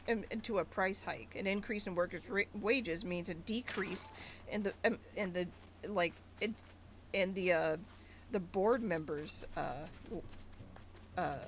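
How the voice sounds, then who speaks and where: A woman's voice: lowish voice, a bit bright, slight background noise. A woman streaming a game, chatting casually and ranting in a rambling way with lots of filler words. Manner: rambling, ranty, many filler likes. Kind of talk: casual gaming livestream commentary.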